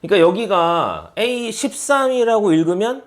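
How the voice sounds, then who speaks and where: A man's voice: high voice, animated, a little slow. A man teaching a math class, repeating key terms and constantly checking understanding with rhetorical questions he answers himself. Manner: answers his own questions, teasing students who skipped class.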